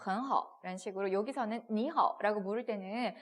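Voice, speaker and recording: A woman's voice: mid-range voice, fairly quick. A woman teaching Chinese in a textbook video lesson, explaining step by step with rhetorical questions and modelling pronunciations. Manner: models pronunciations in short repeated syllables.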